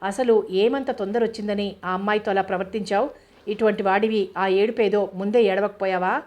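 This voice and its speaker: Stern elder sister, scolding, exasperated, steady even voice, woman reading her in a storybook. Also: mid-range voice, normal speed, dull audio, lightly acted. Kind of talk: audiobook character reading.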